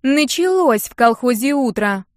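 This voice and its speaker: A brash, sharp-tongued young woman, voiced by a woman reading an audiobook, loud and mocking. Her voice sits high above the reader's own. The recording is dry and close. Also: animated, normal speed, no room sound.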